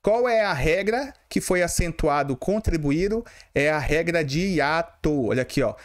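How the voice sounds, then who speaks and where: A man's voice: a little high, expressive, moderate pace. A man with a Brazilian Portuguese accent teaching students, talking to them directly and answering his own questions while sounding out words syllable by syllable. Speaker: Portuguese teacher for exam prep. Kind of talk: explaining exam questions.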